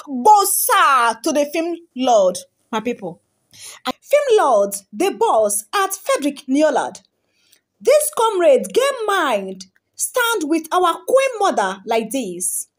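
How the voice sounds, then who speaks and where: Lively high-voiced Nigerian woman presenter. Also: slow. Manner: animated, laughing, mixes Pidgin into commentary. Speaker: celebrity gossip presenter. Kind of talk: voice-over reading social media comments.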